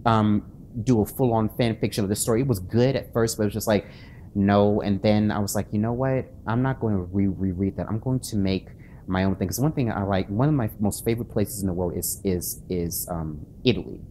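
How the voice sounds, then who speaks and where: Slight background noise accompanies a man whose voice is on the low side and dark in tone. An author and channel host, he talks casually to camera late at night, nervous and sleepless, halting and self-conscious as he piles up fillers and restarts.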